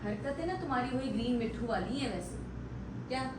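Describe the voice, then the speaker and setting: A woman's voice: a little high, animated, brisk, distant mic. A woman vlogger cooing and coaxing her pet bird in doting baby talk, mixing in English phrases. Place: home, indoors. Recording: echoey room, voice off-mic, clear background noise.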